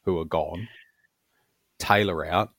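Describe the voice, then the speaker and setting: Deep-voiced man chatting football. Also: takes it slowly, dry recording, clean studio sound. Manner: relaxed, meandering, with fillers and laughs. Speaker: podcast co-host. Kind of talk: casual sports podcast chat.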